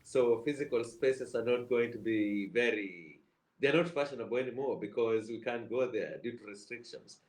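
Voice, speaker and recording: On a panel discussion held over video call, a man from Kenya who produces theatre talks at a moderate pace in a medium-pitched voice, with an echoey room around him. He's earnest, repeating words while he hunts for how to put things.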